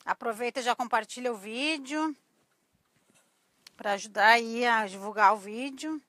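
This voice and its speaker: A woman's voice: fairly high pitch, measured pace, sharp tone, dry recording, studio quality. A middle-aged Brazilian woman with a thin, reedy, cracked voice, chatting informally to viewers as she teaches a live craft class. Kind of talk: casual live-stream tutorial chat. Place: small cluttered craft workshop indoors. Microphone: clip-on lapel mic.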